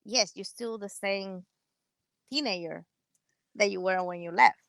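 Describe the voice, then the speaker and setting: Woman, Cuban Spanish accent, bright voice, dry close sound, animated talk, earbud mic on a video call outdoors. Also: medium pitch, vocal fry, dry recording, poor audio. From Cuba. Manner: talks animatedly with loud bursts and quick trailing asides. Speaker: guest, Army veteran and entrepreneur. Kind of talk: casual interview conversation. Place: outdoors on a sunny patio. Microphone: wired earbud headset on a video call.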